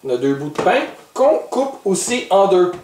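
A man's voice: high-pitched, big pitch swings, normal speed, echoey room, recorded from a distance, background noise. Playful Québécois man teaching a child to cook. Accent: Québécois French. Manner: playful, teasing, patiently instructive. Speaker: host of a kids' cooking show. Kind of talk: cooking lesson with a child.

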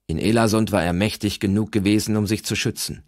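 Give me a man with a low voice narrating a novel, steady and measured, dry and close. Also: no echo. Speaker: audiobook reader. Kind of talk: scripted narration.

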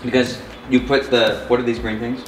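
A man's voice: medium pitch, little pitch movement, moderate pace. A man in his forties bantering and teasing as he tastes food in a small RV kitchen. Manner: joking, teasing, laughing. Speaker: co-host taste-tester. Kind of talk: casual banter. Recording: roomy with background music.

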